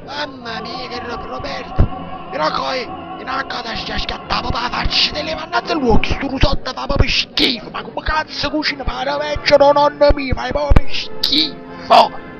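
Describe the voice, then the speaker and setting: High-pitched furious Neapolitan head chef acted by a man. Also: steady tone, moderate pace, vocal fry. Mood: contemptuous. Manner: scolding, exasperated, heavy dialect and swearing. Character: furious, foul-mouthed, contemptuous male head chef. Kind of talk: comic parody dub of a kitchen show. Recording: muffled lo-fi audio with loud music.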